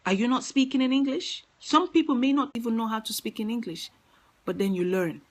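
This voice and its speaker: A woman with a fairly high voice gives an earnest motivational talk. She speaks with emphasis and comes back to her main lines again and again to drive them home. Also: brisk, rough recording. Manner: earnest, emphatic, repeats key phrases.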